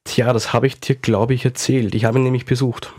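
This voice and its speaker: A man co-hosting a radio city magazine, speaking in an even, measured way. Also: mid-range voice. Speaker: radio magazine co-host and reporter. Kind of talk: radio hosting, partly scripted.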